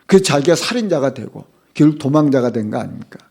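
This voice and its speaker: Animated middle-aged man preaching a sermon. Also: mid-range voice, fast talker, creaky, slightly rough. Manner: emphatic, rhetorical questions to the congregation, swings between loud and hushed. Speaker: pastor.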